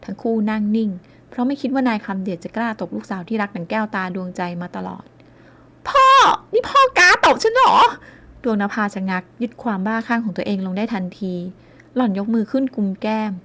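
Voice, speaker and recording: A woman reading a romance-drama novel aloud as narrator, in a measured, even way. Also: medium pitch. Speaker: audiobook narrator. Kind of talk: scripted narration.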